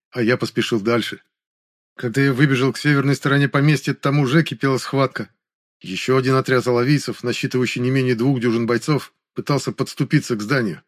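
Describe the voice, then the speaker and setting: Male audiobook narrator, rapid first-person fantasy read, medium pitch.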